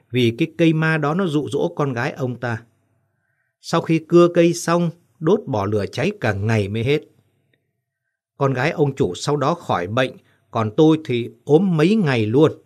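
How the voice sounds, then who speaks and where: A man voices a bragging woodcutter in an audiobook. He sounds fearless and full of himself, a little higher and louder than his narrating voice. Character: boastful middle-aged woodcutter, fearless.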